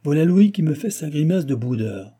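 A man reads out a petulant aging king in an audiobook, all exasperated complaint and wounded pride. His voice is very dark and mellow. It has a husky grain, and the lines come out raised and loud. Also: a little high, big pitch swings, normal speed, voice pushed up. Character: irritable aging male king, petulant and self-pitying. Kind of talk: audiobook character reading.

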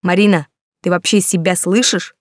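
A woman's voice: mid-range voice, brisk, no room sound, studio quality, close to an everyday voice. A woman doing a furious jilted young man. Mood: bitter, shouting. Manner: agitated, raised voice, blunt slangy speech. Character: young man, hot-tempered, jilted lover, male.

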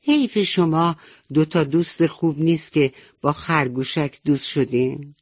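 A woman's voice: deep voice, a little mellow, no echo. Woman voicing a sly scheming fox. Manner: sweet-talking, gossiping. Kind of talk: radio bedtime story for children. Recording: dull dry old radio recording.

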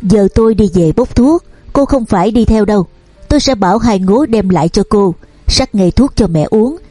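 Storybook reading: a compassionate older male healer, soft and mellow, voiced by a woman. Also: medium pitch, lively intonation, normal speed, husky, dry recording, soft background music. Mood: gentle. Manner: gentle, compassionate.

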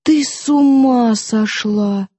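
A woman reading an audiobook, voicing a gentle, frightened young woman pleading through tears. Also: medium pitch, normal speed, slightly rough, no echo, lightly acted. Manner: pleading, soft, tearful.

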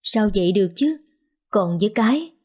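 A woman's voice: mid-range voice, lively intonation, moderate pace, a little mellow, husky. A woman voicing a worried middle-aged older sister, anxious and emotional.

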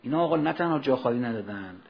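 A man's voice: medium pitch, lively intonation, vocal fry. A man preaching a Ramadan sermon, telling stories with rising emotion and acting out quoted dialogue. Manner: emotional storytelling, voices quoted dialogue, rises to near shouting. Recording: dull lo-fi recording.

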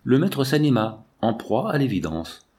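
A man narrating a literary novel as an audiobook, reading in an even, deliberate way. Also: mid-range voice.

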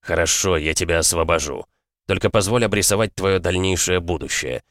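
A man voicing a calm older aristocrat father in an audiobook, measured and coldly matter-of-fact. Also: low-pitched, no room sound, clean studio sound. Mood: explaining. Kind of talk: audiobook character voice.

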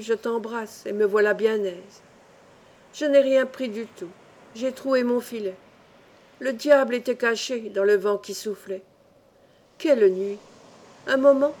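A woman voicing a weary, good-hearted poor fisherman who talks in gruff, plain-spoken resignation. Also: on the high side, a little mellow.

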